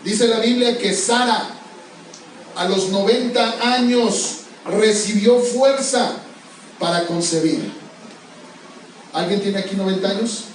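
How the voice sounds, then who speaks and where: In a church sanctuary, a pastor with a high voice preaches slowly, leaving long pauses, and keeps pressing his congregation with repeated questions. The recording catches an echoey hall with him far from the mic. Slight background noise is present.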